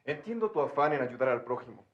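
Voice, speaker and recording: An actor playing a stern, proper young gentleman in a 1990s Mexican telenovela, reproachful, with a Mexican Spanish accent. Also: medium pitch, expressive, dull audio, close to an everyday voice. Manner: reproachful, brisk.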